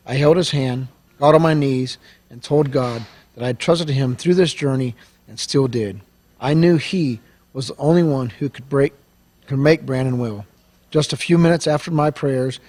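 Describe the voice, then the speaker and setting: A man, owner of a service company and host, reading a letter aloud and talking on a radio show in an earnest, halting way with many restarts. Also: mid-range voice, darkish tone.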